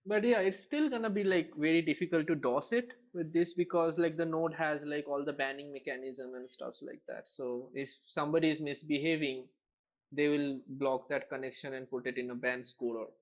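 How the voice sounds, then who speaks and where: Man, slightly high voice, dull lo-fi call sound, host, rephrases and moves things on. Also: steady tone, normal speed. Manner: rephrasing others, steering the discussion. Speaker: discussion host. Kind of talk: technical discussion on a call. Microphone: video call.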